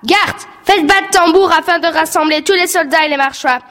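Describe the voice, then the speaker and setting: A woman's voice: extremely high pitch, normal speed, noisy background, pitched above the performer's own voice. A woman voicing a stern male count in a storybook, speaking with command.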